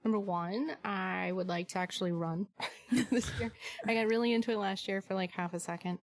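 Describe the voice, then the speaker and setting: A woman's voice: medium pitch, steady tone, moderate pace, gravelly, dry recording. A woman co-hosting a podcast, chatty and given to laughing. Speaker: podcast co-host. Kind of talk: casual chat.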